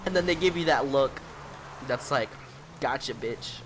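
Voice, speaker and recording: A young man in his late teens vents in a rambling, swear-filled vlog rant, exasperated and restless. His voice sits a little high for a man. Steady noise and vehicle sounds run behind him. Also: moderate pace. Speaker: vlogger. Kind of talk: profane ranting monologue.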